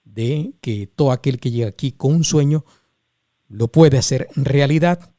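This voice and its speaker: A man hosting a radio interview, speaking conversationally in measured short phrases. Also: medium pitch, mellow, dry recording, studio quality.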